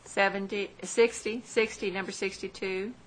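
A woman's voice: mid-range voice, fairly even intonation, moderate pace, rough recording. A woman working as an auctioneer at a live auction, reading out lot numbers and bids in a procedural way, digit by digit. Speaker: auctioneer at a property tax sale. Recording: live room recording with background noise.

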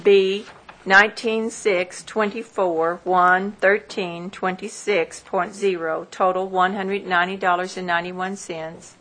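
Slow, methodical woman auctioneer. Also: fairly low pitch, fairly even intonation, a bit bright, rough recording. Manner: measured, methodical, repetitive, number by number. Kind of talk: formal auction calling, reading out parcel numbers.

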